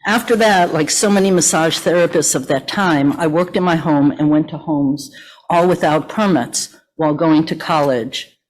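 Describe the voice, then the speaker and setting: A woman massage therapist presenting at a meeting, reading measured prepared remarks while calling for slides, her voice trembling from the cold. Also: deep voice, low-quality recording. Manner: measured, asks for the next slide often. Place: hotel meeting room. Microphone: meeting audio from a hotel room.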